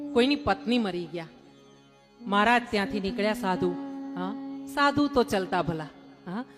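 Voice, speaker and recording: A woman narrating a devotional story sermon in a lively, rhythmic way, with frequent asides. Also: on the high side. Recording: long hall reverb with music behind.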